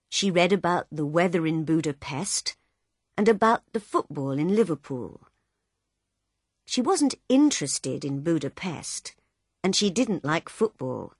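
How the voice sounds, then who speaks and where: Woman narrator reading a storybook: slow and clear, lively pitch, lowish voice, dry close mic. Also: no room sound. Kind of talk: scripted narration.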